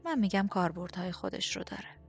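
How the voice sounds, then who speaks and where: A woman voicing a calm, cynical male courtier who speaks in a hushed, dry way, in an audiobook. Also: soft background music. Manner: hushed, dry, low-key.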